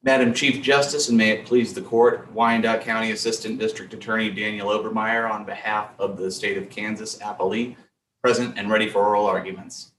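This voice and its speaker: An American man introduces himself formally as a prosecutor, in a low, flat-pitched voice. The recording is echoey and distant from the mic. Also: a little fast, a little hiss or hum.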